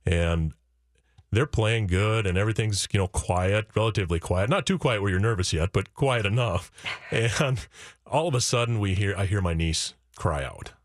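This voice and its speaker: A man's voice: lowish voice, expressive, moderate pace, dry recording. A man, a guest author in a studio, telling a personal story earnestly, acting out what he and his kids said, with frequent restarts. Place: radio studio.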